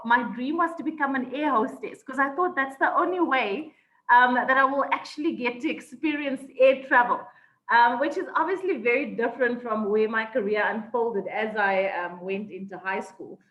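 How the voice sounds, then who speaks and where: A South African woman, appearing as a guest, thoughtfully recounts her life story in an interview, with many ums and restarts. Her voice is fairly high and her pace moderate, and the recording sounds echoey, dull and lo-fi.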